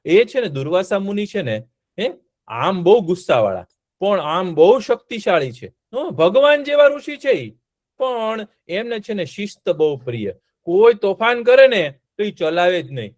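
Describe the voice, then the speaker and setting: A man telling a story to children, animated, asking them questions and repeating words. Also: sits high, moderate pace, no room sound, studio quality.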